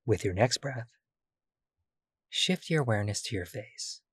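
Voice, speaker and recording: A man guiding a body-scan meditation, speaking slowly and soothingly with long pauses. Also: fairly low pitch, lively intonation, slightly rough, dry recording, clean studio sound. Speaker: meditation guide.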